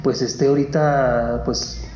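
A man's voice: medium pitch, fairly even intonation, measured pace, a little mellow, slight background noise. A man, a storytelling teacher who talks casually and narrates tales with animation. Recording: roomy lo-fi radio sound.

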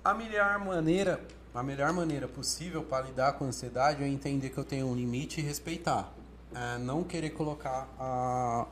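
A man's voice: mid-range voice, slight background noise. A man with a Brazilian Portuguese accent, an oratory teacher talking casually and acting out quoted thoughts, with many restarts. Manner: animated, acts out quoted thoughts, restarts often. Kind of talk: casual coaching talk.

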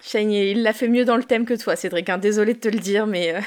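A woman's voice: mid-range voice, brisk. A woman hosting a podcast, talking casually and chattily with frequent fillers. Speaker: podcast host.

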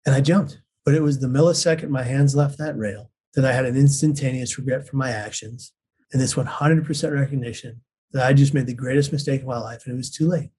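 This man speaks at medium pitch with fairly even intonation, briskly, in a mellow, slightly rough voice. He is a guest in an interview, recounting a personal story with earnest intensity and performing the quoted voices himself.

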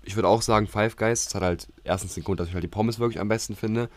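Young man, podcast co-host, relaxed, lowish voice, dry close sound. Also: fast, dry recording. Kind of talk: casual chat.

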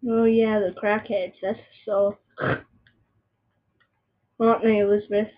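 A woman's voice: medium pitch, flat delivery, unhurried. A young woman rambling and teasing a friend in casual chat at home, on a dull lo-fi recording. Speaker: vlogger.

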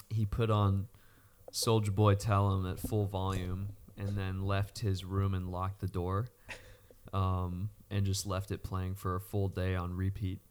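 Man, lowish voice, relaxed casual chat, blunt takes. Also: slight background noise. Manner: laid-back, blunt opinions, some swearing.

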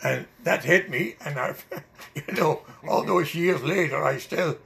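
A man's voice: fairly high pitch, a little slow, creaky, fairly bright tone. An older man with a Dutch accent, telling long rambling stories with many hesitations in an oral history interview. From Netherlands.

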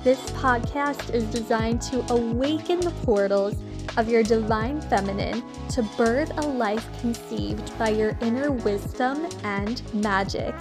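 Higher-voiced woman reading a podcast intro. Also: unhurried, over music. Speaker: podcast host.

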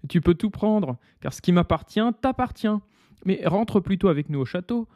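A man voicing a calm, peaceable young prince in a storybook reading. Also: high-pitched, normal speed, no echo, lo-fi sound, pitched above the performer's own voice. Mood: firm.

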